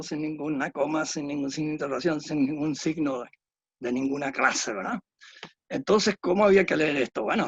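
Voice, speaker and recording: Guy lecturing on scripture, kinda high gravelly husky voice, dull dry lo-fi recording. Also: no echo. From Chile. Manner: explanatory, keeps checking in with tag questions. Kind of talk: Bible study lecture.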